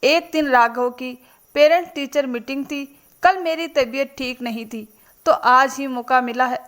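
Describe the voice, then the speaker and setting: A woman's voice: sits high, measured pace, fairly bright tone. A woman voicing a harried, irritable elder daughter-in-law in a spoken storybook. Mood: irritated. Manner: irritable, defensive.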